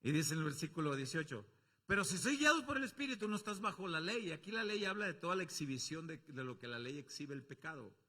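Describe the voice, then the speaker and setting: Mexican pastor preaching in church, high bright voice, big dramatic swings, does little voices for quotes. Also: male voice, very animated, quick pace. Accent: Mexican Spanish. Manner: dramatic preaching that swings from loud calls to low asides. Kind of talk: sermon.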